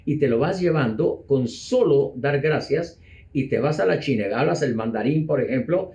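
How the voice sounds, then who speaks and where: Measured, mellow-voiced man explaining. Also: mid-range voice, animated. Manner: measured, repeats words, slows for emphasis. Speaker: interview guest. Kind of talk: conversational explaining.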